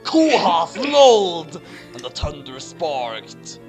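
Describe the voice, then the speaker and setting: Over music, a host reads a garbled fan story aloud as comedy, sounding theatrical and mock-outraged. The mid-range voice moves through big pitch swings at a slow pace.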